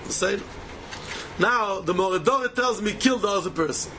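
A man's voice: high-pitched, normal speed, background noise. A man with a Yiddish accent teaching a Talmud lesson, emphatically asking rhetorical questions and repeating key phrases as he answers them. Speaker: Torah teacher.

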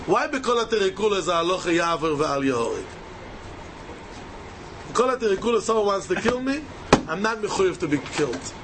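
A high-voiced man with a Yiddish accent teaches a religious text. His delivery swings widely in pitch as he fires off rhetorical questions and hammers key phrases by repeating them. A light wash of noise sits behind him. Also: fairly bright tone, rough recording. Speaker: Torah teacher. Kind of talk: Talmud lesson, rhetorical questions and answers.

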